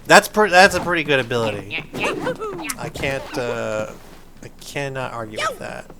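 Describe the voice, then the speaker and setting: Over a noisy crowd and background game music, a man hosts a family gaming video with casual chat over the gameplay. His medium-pitched, creaky voice has lively intonation at a normal speed, and he explains things patiently and playfully.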